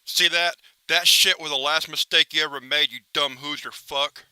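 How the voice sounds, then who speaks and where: A man's voice: a little high, fairly even intonation, moderate pace, bright, forceful tone, smooth, no room sound, poor audio. A man voicing a vicious cartoon pelican. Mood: furious. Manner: profane, taunting, menacing threats. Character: vicious foul-mouthed male cartoon pelican. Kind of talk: horror story reading.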